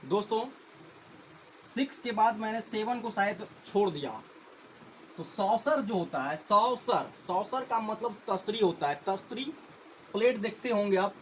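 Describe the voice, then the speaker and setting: In a poor recording with slight background noise, a man with a high-sitting voice teaches English vocabulary in Hindi. He spells every word letter by letter, repeats it, and frequently addresses his viewers as friends.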